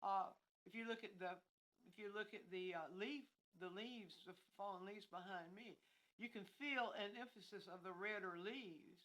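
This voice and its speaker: A woman's voice: mid-range voice, moderate pace, fairly bright tone, poor audio. An older woman teaching a painting lesson on a livestream. She speaks unscripted, thinking aloud with many restarts and self-corrections, outdoors with fallen leaves behind her. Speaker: art instructor.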